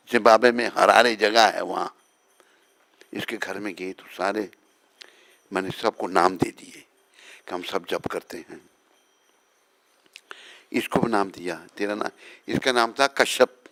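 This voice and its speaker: A man with a low, gravelly voice gives an informal spiritual talk to his devotees. He teases them in a chatty way and keeps checking with them whether he is right. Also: a bit bright. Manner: teasing, chatty, keeps asking the listeners if he is right. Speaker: swami giving a morning talk.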